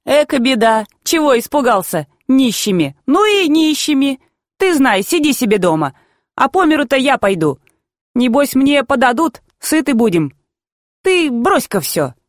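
A woman's voice: high voice, very animated, unhurried, no room sound, clean studio sound, pitched above the performer's own voice. A woman reading a kind old grandmother who pleads and coaxes earnestly, in a storybook narration. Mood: cheering. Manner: warm, coaxing, earnest.

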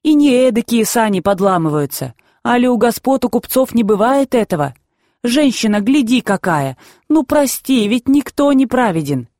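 A woman's voice: a little high, lively intonation, moderate pace, no echo, clean studio sound, pitched above the performer's own voice, natural voice. A woman reading a kind old grandmother who pleads and coaxes earnestly, in a storybook narration. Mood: pleading. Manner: warm, coaxing, earnest.

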